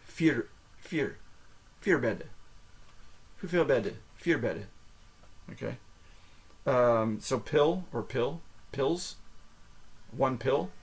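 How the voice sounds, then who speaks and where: An American man, a native English speaker, hosting a casual language lesson, slow and halting, with restarts and letters spelled out one by one. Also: medium pitch, slightly rough. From United States. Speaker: podcast host.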